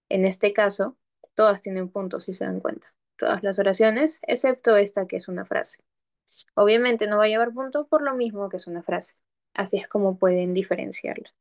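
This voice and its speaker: A woman's voice: mid-range voice, darkish tone. Patient woman teacher explaining grammar. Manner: patient, explaining step by step with examples; checks understanding often with "¿ok?". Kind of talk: online grammar lesson.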